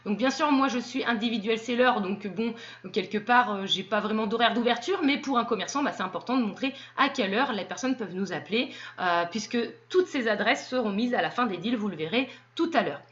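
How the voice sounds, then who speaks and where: A woman walking viewers through setting up an online seller profile, explaining step by step and pausing often with fillers. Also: a little high, fairly bright tone, muffled recording. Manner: hesitant, explanatory, with frequent fillers. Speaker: tutorial presenter. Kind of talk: screen-recorded software walkthrough.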